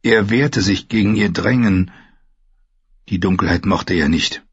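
A man narrating a fantasy audiobook with a husky voice, reading in a measured, grave manner. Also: deep voice, no echo. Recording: dull lo-fi dry recording.

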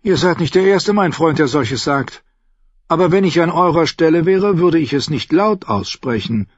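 A sly old pirate merchant, coaxing and lilting, fond of calling everyone friend, as a man reads him. His voice sits high and husky. The recording is dull and dry, an audiobook. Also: expressive, moderate pace, dry recording. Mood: confiding. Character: genial sly older male pirate merchant.

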